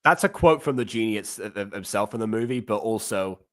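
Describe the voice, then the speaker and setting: A man reviewing in a casual reaction commentary, thinking aloud in a halting way. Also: on the low side, animated.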